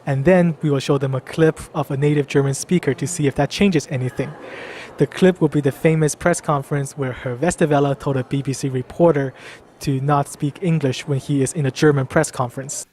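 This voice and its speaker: A young man hosts a casual vlog of street interviews. His voice is on the high side, with faint ambient noise behind it. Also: steady tone, a little fast, darkish tone. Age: young adult. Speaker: host interviewer.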